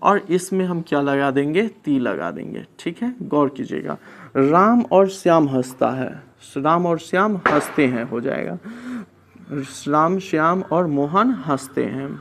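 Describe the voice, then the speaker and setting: A man's voice: on the high side, lively intonation, a bit bright, slight background noise. A man teaching a lesson, patiently posing questions and answering them himself. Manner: slow, patient, asks and answers his own questions. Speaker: Sanskrit teacher. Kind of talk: classroom lesson explaining translation.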